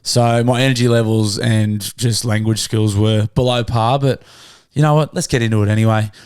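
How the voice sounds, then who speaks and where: A man's voice: on the low side, fairly even intonation, moderate pace, a little mellow, clear, resonant tone, dry recording, studio quality. An Australian man chatting casually as a podcast host, blunt and sweary with plenty of slang.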